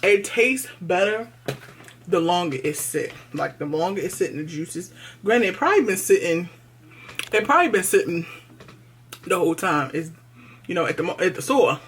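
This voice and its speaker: A woman's voice: fairly low pitch, lively intonation, normal speed, pauses often, slight background noise. A young woman with a Baltimore accent chatting casually to her vlog camera, often talking with her mouth full. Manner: chatty, talks while eating. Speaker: vlogger.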